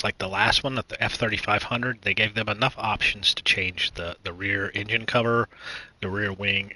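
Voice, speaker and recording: A man from the United States hosting his own gaming channel, chatting casually and rambling with many fillers, restarts and throat clearing. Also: lowish voice, bright, forceful tone, rough recording. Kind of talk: casual gaming news chat.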